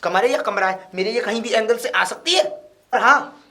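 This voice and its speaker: A woman's voice: fairly high pitch, normal speed, bright, forceful tone. A woman playing a jealous young husband in a comedy sketch, accusing and argumentative. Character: jealous young husband, suspicious and hot-tempered.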